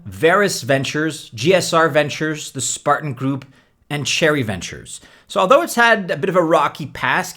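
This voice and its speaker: A man hosts a scripted crypto investing explainer video, delivering it like a presenter while dropping in casual, conversational asides. His voice is mid-range and a bit bright.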